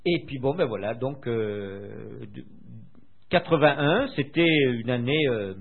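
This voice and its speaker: An older French man being interviewed, recalling his past in a hesitant way with many filler pauses, heard over a tinny phone line. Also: medium pitch, creaky, slightly rough. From France. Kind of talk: recounting memories in conversation.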